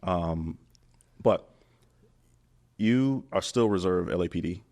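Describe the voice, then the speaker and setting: A man's voice: low voice, takes it slowly, a little mellow. A man hosting a podcast, speaking in an earnest and reflective way in a casual interview. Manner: earnest, reflective, calls the guest brother. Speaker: podcast host.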